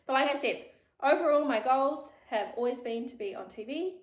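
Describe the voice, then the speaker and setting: At a moderate pace, a woman whose voice sits high chats by herself on her own show, the sound reverberant. In her thirties with a New Zealand accent, she speaks frankly and casually and swears freely.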